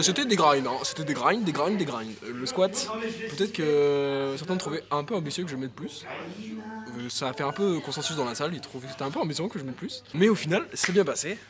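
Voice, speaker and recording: A man with a hoarse, worn-out voice chatting casually about his training session, with plenty of fillers and gym slang. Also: on the high side. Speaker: powerlifter filming a training vlog. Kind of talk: casual post-workout vlog chat. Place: busy indoor gym. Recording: loud crowd noise in a gym. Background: loud crowd cheering in the gym.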